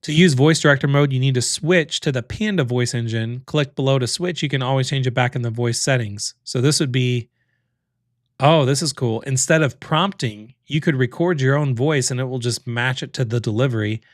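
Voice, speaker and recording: Chatty man demoing software live, dry close sound. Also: mid-range voice, normal speed, no echo. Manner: chatty, thinks aloud, many fillers. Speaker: livestream host demoing software. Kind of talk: casual livestream walkthrough.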